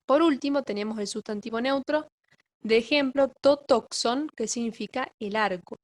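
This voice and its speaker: A woman teacher giving a recorded lesson in a patient, methodical way, often checking in with a quick question. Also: on the high side, poor audio. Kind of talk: recorded lesson on Greek grammar.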